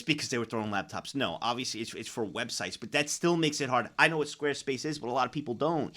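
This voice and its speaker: A man's voice: medium pitch, a bit bright. A man giving blunt, profane, repetitive reaction commentary as a streamer, in a casual ranting style.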